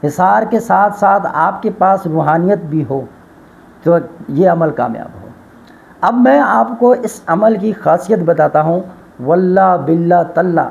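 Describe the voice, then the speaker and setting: During a religious talk, a man who works as a spiritual healer earnestly retells a story from his healing work, swearing by God and recounting a dialogue. His voice is fairly high, gravelly and darkish.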